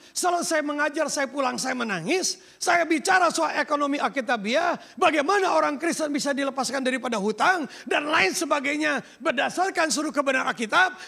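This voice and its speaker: An Indonesian pastor preaches a sermon in a church sanctuary, emphatic and sprinkling English phrases into his talk. His voice is very high-pitched, bright and pushed, with vocal fry.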